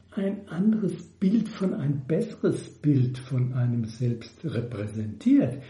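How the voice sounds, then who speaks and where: A man giving a measured, explanatory Buddhist dharma talk. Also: mid-range voice, dark tone, roomy sound. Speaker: Buddhist teacher.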